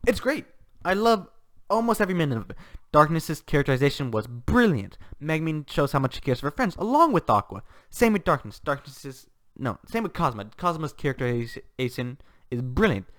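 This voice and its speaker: A young man giving an enthusiastic, animated casual book review, gushing as he talks. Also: fairly high pitch, a little fast.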